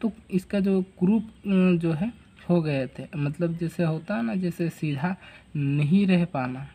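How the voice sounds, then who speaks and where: Man teaching a lesson, halting and repetitive. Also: on the high side, dark tone. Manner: halting, repetitive filler-heavy explaining. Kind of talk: classroom lesson explaining a text.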